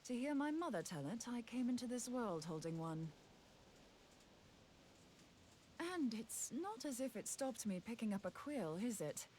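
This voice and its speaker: Lively, wry scholar adventurer. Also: female voice, a little high, moderate pace, a little hiss or hum. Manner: chatty, wry, informal. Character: plucky, wry female scholar who loves axes. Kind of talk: scripted video game voice acting.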